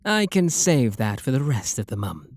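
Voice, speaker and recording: A man playing a refined, possessive vampire lord with a British accent in an ASMR roleplay, speaking softly and deliberately in a genteel, flirtatious manner. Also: medium pitch, big pitch swings, no room sound. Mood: patient, negotiating.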